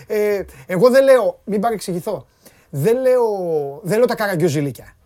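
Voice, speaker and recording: A man hosting a casual sports talk show, rambling in an animated way and laughing often. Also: high voice.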